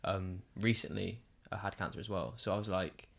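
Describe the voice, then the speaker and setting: A young man chatting casually as a podcast guest, rambling and halting with many fillers. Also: deep voice, steady tone, vocal fry. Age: young adult. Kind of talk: casual chat.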